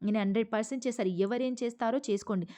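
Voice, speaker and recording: A woman's voice: fairly high pitch, steady tone, racing, warm tone, close to an everyday voice. A woman voicing a stern elderly man from a TV serial who declares his vows firmly. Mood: resolute. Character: stern elderly man, protective grandfather, resolute.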